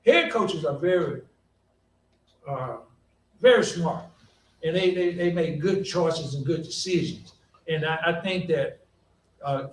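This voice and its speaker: An older man, a college coach telling folksy, animated stories on a conference panel. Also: on the high side. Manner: folksy, animated anecdotes with quoted voices and laughter. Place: conference hall. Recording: echoey hall from a distance, faint background hum.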